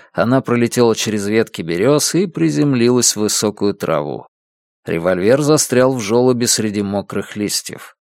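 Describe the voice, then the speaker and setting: A man narrating an audiobook thriller in an even, measured reading voice. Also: medium pitch, vocal fry, no echo, clean studio sound.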